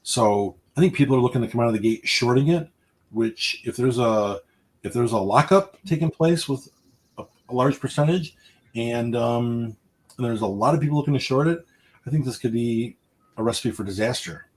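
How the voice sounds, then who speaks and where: A man's voice: mid-range voice, normal speed. Laid-back male stock show co-host. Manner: relaxed, many fillers, trails off quietly at sentence ends. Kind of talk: casual livestream market chat.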